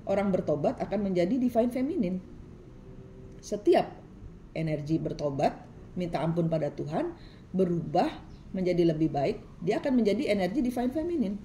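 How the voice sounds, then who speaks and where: A woman's voice: on the low side, dark tone, slight background noise. A woman tarot reader, giving a preachy, scolding reading full of repetition.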